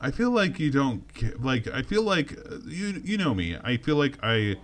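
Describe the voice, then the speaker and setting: A man playing an awkward, tipsy alien in improvised comedy chat, halting and rambling. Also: medium pitch, very animated, natural voice. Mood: awkward, reluctant.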